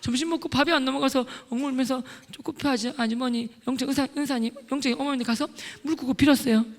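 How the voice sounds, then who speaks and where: A middle-aged man, a lay deacon, giving an excitable testimony sermon at a church prayer meeting and loudly acting out scenes. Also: very high voice, fast. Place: church sanctuary. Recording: long reverb of a large church hall.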